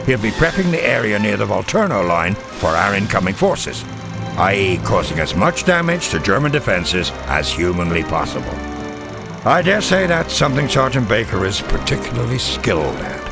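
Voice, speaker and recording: In a game cutscene, a male actor with a fairly low voice plays a middle-aged WWII American intelligence colonel briefing officers on a mission. The scripted, dramatic briefing is formal, authoritative and measured, with crisp military delivery and weighty pauses.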